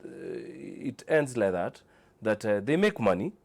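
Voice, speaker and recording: A man with a Kenyan accent giving informal interview answers in a hesitant, halting way. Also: medium pitch, sing-song, vocal fry, a little mellow, slightly rough. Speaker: interview guest, car audio dealer.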